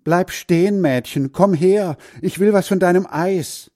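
A man doing an eager little boy shouting. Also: high voice, a little slow, voice pushed up. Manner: calling out loudly. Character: small boy, eager and impatient. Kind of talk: storybook character voice.

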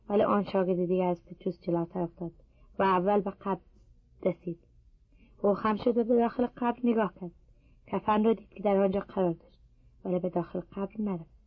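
A woman reading scripture aloud in a steady, measured voice. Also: medium pitch, dry recording, muffled recording. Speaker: scripture reader.

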